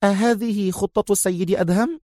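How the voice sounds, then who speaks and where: A man voicing a proud, sharp-tongued young woman agent in an audiobook, speaking in a teasing, brisk way. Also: sits high, expressive, no room sound, clean studio sound, pitched above the performer's own voice. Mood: firm.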